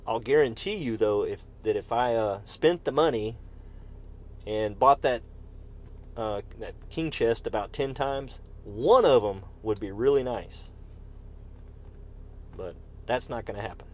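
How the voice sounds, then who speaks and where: A man's voice: medium pitch, unhurried, pauses often. Guy streaming a game, chatty and laid back, talks to chat by name, keeps coughing. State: coughing fits. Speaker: gaming streamer. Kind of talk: casual live-stream commentary.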